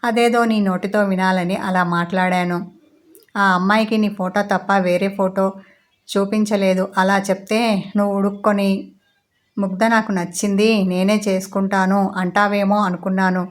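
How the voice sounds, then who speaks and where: A woman reading the part of a loving middle-aged mother in a story, gently coaxing and teasing her son. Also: medium pitch, level tone, normal speed, lightly acted. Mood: tender.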